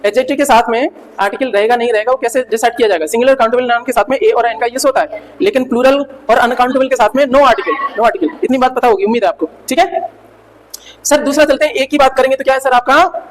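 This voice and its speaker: A man's voice: very high-pitched, fast talker. A male English teacher giving a revision lecture, asking the class questions and answering them himself, repeating key words and spelling out letters. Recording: reverberant room with faint noise.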